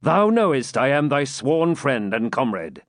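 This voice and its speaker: A man voicing an armored knight who answers threats with calm, mocking courtesy. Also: mid-range voice, measured pace, dry recording, clean studio sound. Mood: teasing. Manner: composed, mildly mocking.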